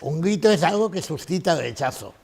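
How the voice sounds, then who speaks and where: A man's voice: a little high, animated, moderate pace, vocal fry, a little mellow, breathy edge. A man giving a conference lecture, emphatic, repeating his key phrases and asking rhetorical questions.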